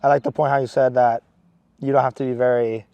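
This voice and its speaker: A man's voice: medium pitch, little pitch movement, quick pace, creaky, dry recording, lo-fi sound. A man in his twenties from Maryland, a seminarian earnestly telling a story with many restarts. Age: 20s. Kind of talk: casual storytelling.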